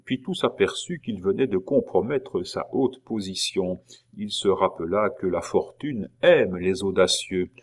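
A man narrating a classic novel aloud in a measured storytelling manner. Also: low voice, lively intonation. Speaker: audiobook reader. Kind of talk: literary narration.

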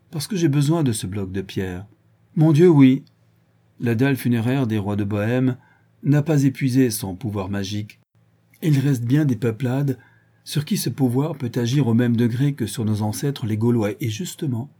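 Reader doing a confident worldly adventurer, mellow dark husky voice. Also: male voice, mid-range voice.

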